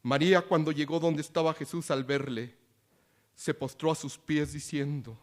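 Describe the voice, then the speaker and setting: A man preaching a sermon, reading scripture quietly and rising into loud appeals with questions to the congregation. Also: a little high, steady tone, normal speed. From Latin America.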